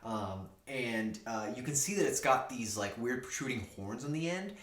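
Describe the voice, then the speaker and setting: Bright-voiced man narrating as game master. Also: medium pitch, animated, normal speed, echoey room. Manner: rambling, filler-heavy descriptive narration.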